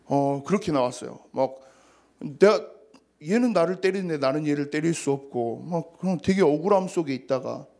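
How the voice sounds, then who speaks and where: A man's voice: on the high side, moderate pace, darkish tone. A man in his thirties, a youth pastor, giving a casual, story-filled sermon to teenagers. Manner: casual storytelling with acted quotes.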